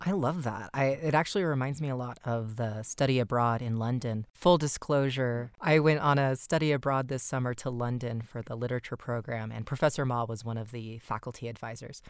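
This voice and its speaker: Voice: mid-range voice, fairly quick, few pauses, clean tone, no room sound, studio quality. A podcast host reading a scripted introduction and then asking interview questions in an earnest, conversational way.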